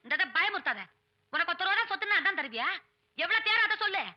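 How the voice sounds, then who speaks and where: A woman playing a boastful, easily frightened fortune teller in a film comedy, with quick mock-brave banter. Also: extremely high pitch, sing-song, dull audio. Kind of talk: Tamil film comedy dialogue.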